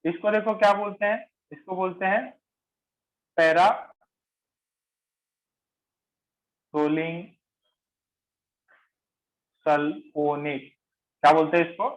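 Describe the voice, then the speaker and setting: A man's voice: high-pitched, moderate pace, low-quality recording. A man teaching a chemistry class, repeating key terms and quizzing his students, mixing in English phrases. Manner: mixes English phrases into Hindi explanation. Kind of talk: classroom lecture.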